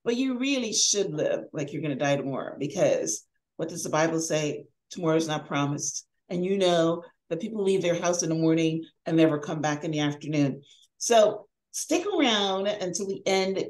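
A woman's voice: lowish voice, darkish tone, poor audio. A middle-aged woman hosting a podcast, reading an introduction with upbeat, emphatic delivery over a video call. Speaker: podcast host, life coach. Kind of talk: scripted introduction and interview. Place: home room, video call.

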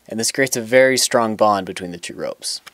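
A young man with a fairly low, fairly bright voice talks at a quick clip through a basic knot-tying lesson outside on the grass. He's instructional, sometimes restarting a line, and the audio has no room sound.

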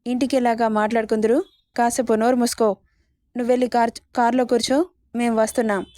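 A woman's voice: a little high, flat delivery, a little fast, warm tone, no room sound, clean studio sound, natural voice. A woman voicing a caring middle-aged aunt who fusses over her nephew and scolds him. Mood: scolding.

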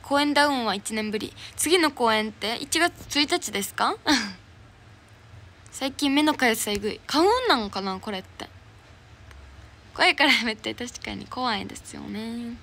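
On a noisy livestream, an idol with a Kansai accent casually chats, cheerfully thanking viewers as she reads their comments and gifts. The young woman's slightly high voice is expressive, moderately paced, and pushed and bright.

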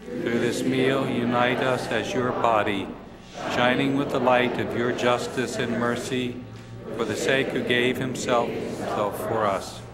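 A man leading a slow, solemn offertory prayer, his voice carried by cathedral echo. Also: medium pitch, steady tone. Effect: cathedral echo, long church reverb. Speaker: minister. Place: large church sanctuary. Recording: long cathedral reverb, loud music behind.

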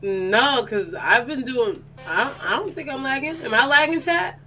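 A young woman streamer on a headset chats in a bright, sparkling voice that rises and falls freely. She is giggly and full of slang, and she keeps wandering off topic. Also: high voice, lively intonation, moderate pace, soft background music, rough recording.

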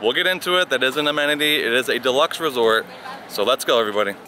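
Filmed on a handheld camera held at arm's length, a vlog host in his thirties chats upbeat and casually with viewers on outdoor resort walkways and in a restaurant interior. His mid-range voice is quick, pushed, and bright, with music in the background and a little hiss or hum.

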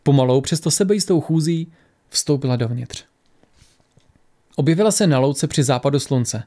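Give me a man reading a fantasy audiobook, steady and mellow. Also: medium pitch. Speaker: audiobook narrator.

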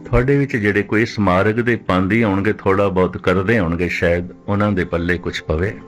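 Older man preaching slowly, low voice. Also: fairly even intonation, soft background music. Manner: measured, repetitive phrasing, slows to recite scripture. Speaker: Sikh preacher giving katha. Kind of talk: religious discourse, katha.

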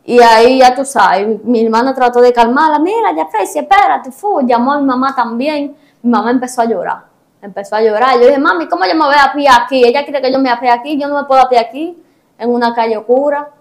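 A woman's voice: sits high, fast talker. A young woman, telling her story as an interview guest, hesitant and repeating herself.

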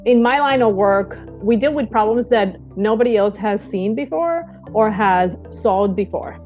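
A woman's voice: medium pitch, animated, unhurried, darkish tone, faint music behind. Eager Colombian woman, muffled video call. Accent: Colombian Spanish. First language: Spanish. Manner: eager, explanatory, tags lines with "right?". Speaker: space mission flight director. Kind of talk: recorded video interview. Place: small indoor room, seated in an armchair. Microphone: wired earbud mic on a video call.

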